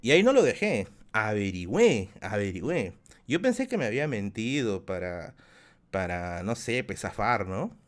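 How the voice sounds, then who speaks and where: Talking to his live chat at a moderate pace, this Peruvian streamer in his thirties has a voice on the low side that's very animated. The story wanders, and he keeps laughing and repeating himself.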